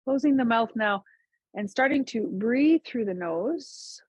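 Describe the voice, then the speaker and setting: A woman teaching a seated yoga class, giving calm, gentle cues to breathe and move. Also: a little high, measured pace, slightly rough, dry recording. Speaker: yoga instructor. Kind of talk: guided chair yoga instruction.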